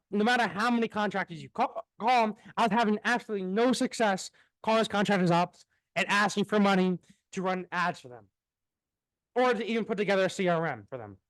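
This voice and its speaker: A young man, a marketing entrepreneur, talks casually about business and marketing, rambling, repeating words and swearing occasionally. His voice sits high with a fairly bright tone, and the recording is dry.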